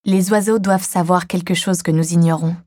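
A woman reading a first-person novel aloud in a calm, measured way. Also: lowish voice, dry recording, clean studio sound. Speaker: audiobook reader. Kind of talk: scripted first-person narration.

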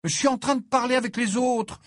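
A stern, brisk mother, voiced by a man reading aloud, sharp and commanding with a high, lifted voice that swings widely. The voice is husky and dry. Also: big pitch swings, no room sound, heavily acted.

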